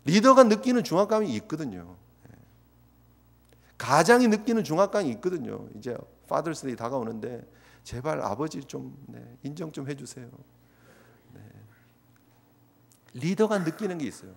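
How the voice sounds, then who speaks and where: Guy pastor giving an intense sermon, high voice, big echoey church. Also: very animated, normal speed, gravelly, pauses often, breathy edge. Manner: fervent, exhorting, voices prayers as asides. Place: church sanctuary. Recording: long reverb of a church hall.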